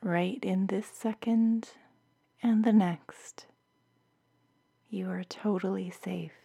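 A woman guiding a bedtime meditation in a soft, soothing, half-whispered voice, like a sleep story narrator. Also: medium pitch, fairly even intonation, slow pace, vocal fry, breathy edge. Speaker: meditation guide.

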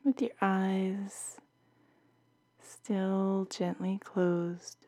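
A woman guiding a bedtime meditation in a soft, soothing, half-whispered voice, like a sleep story narrator. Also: mid-range voice, level tone, very slow. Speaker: meditation guide.

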